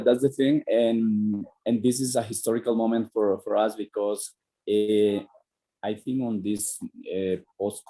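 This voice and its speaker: A man from Ecuador, a native Spanish speaker with an Ecuadorian accent, talking casually over a video call and pausing on many fillers and restarts. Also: fairly low pitch, dark tone, poor audio.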